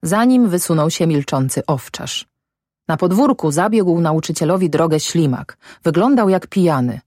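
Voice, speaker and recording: A woman reads a literary story aloud in a steady, measured way. Her voice sits on the low side and sounds dry and close. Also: no echo. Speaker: audiobook reader. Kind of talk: scripted narration.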